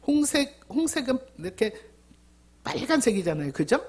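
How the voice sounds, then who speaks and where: Woman pastor, sermon in church, husky voice with a lively rising and falling pitch, asks the flock questions. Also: moderate pace. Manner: asks the congregation rhetorical questions, repeats key words.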